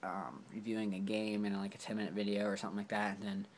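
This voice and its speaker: A man's voice: on the low side, little pitch movement, fast talker, a little hiss or hum. A man casually reviewing action figures on camera, rambling with lots of fillers and apologies. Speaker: toy reviewer. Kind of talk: casual toy review vlog.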